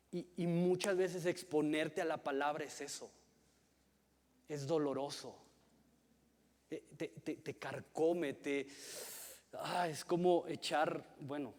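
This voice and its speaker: Slow-preaching pastor in an echoing hall. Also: male voice, a little high, darkish tone. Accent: Mexican Spanish. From Mexico. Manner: earnest, repeats words when starting phrases. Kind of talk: sermon. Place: church hall. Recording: long reverb of a large hall.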